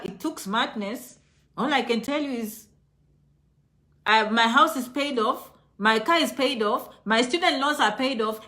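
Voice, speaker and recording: A woman with a Kenyan accent speaks casually to her online viewers, her voice on the high side, pushed and bright. As a video host, she sounds emphatic and motivational, repeating phrases to drive her points home.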